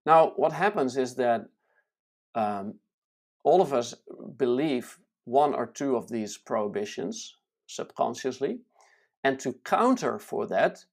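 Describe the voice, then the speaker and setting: A self-help teacher speaking in a slow, deliberate way, reading lists with pauses and explaining ideas with small restarts and fillers. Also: mid-range voice. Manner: measured, reads lists slowly with pauses.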